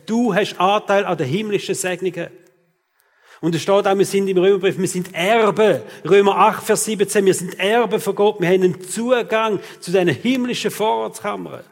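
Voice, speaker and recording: Man, forties, pastor preaching, fairly high voice, long hall reverb. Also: moderate pace. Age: 40s. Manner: speaks straight to listeners, often tags on "oder?". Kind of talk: sermon.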